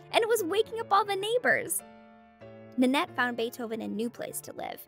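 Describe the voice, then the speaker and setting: High, gravelly-edged young girl explorer. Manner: explains facts in a clear storytelling way. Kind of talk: children's audio drama acting.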